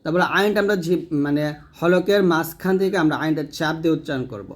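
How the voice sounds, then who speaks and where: Male teacher, fairly high voice, patient step-by-step pronunciation lesson, models each sound aloud. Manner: explains slowly, models each letter sound, repeats it. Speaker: Quran recitation teacher.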